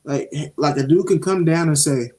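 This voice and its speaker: A young man talks through a TV episode with a loose, streetwise swagger, swearing and storytelling as he goes. His voice sits a little high for a man. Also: moderate pace, dark tone. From Jacksonville, Florida (Duval). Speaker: podcast co-host. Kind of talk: casual show review chat.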